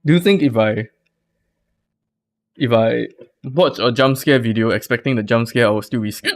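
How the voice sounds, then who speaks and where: A man's voice: mid-range voice, normal speed. Chatty young Singaporean man streaming. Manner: chatty, talks to viewers, loose slangy phrasing. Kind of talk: casual live-stream chat.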